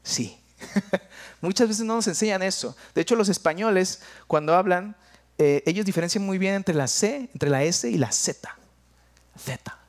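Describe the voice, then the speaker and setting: A young Mexican man with a Jalisco accent, preaching a sermon in a conversational, playful way, dropping to quiet asides. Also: sits high, a little fast.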